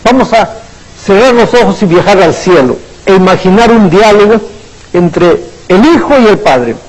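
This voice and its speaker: A man's voice: high-pitched, animated, moderate pace, rough recording. A man preaching a sermon, asking questions and answering them himself, and acting out short dialogues. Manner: acts out short dialogues with a dropped voice.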